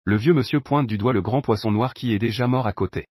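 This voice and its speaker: A man reading a comic recap aloud as scripted first-person narration in an even storytelling manner. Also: mid-range voice, brisk, slightly rough, dry recording, studio quality.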